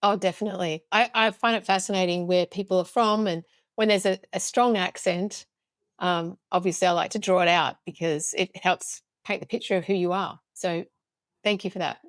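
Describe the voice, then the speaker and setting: A woman's voice: fairly low pitch, steady tone, normal speed, dry recording. A woman hosting a podcast interview, speaking in an enthusiastic, upbeat way. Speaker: podcast host.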